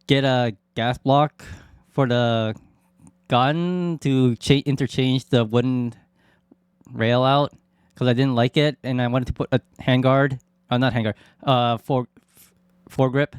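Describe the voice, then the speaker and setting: A man's voice: medium pitch, fairly even intonation, measured pace, clean tone, no echo, clean studio sound. A man from Canada doing casual reaction commentary as a streamer.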